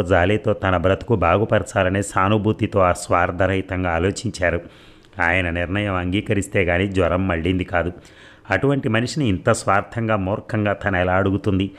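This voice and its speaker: A man with a very deep, low voice reads a novel aloud. His narration is steady and measured, in a plain storytelling manner. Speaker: audiobook narrator. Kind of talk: novel reading.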